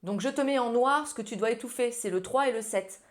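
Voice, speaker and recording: Over loud music and ukulele playing, a woman with a fairly high voice talks quickly through a casual ukulele lesson. As the teacher, she stays friendly and informal, speaking directly to the viewer as tú.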